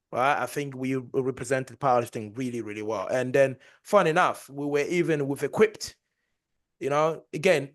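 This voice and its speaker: A man co-hosting a casual podcast chat, talking in a boastful, joking way and laughing often. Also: mid-range voice. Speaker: podcast co-host and powerlifter.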